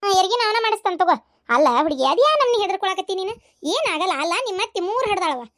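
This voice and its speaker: A woman voicing a meddling, gossipy older village aunt in a cartoon, with a North Karnataka accent and a shrill, scolding way of talking. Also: lively intonation, racing, fairly bright tone, no echo, studio quality. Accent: North Karnataka Kannada. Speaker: aunt at a childbirth. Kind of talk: cartoon voice acting.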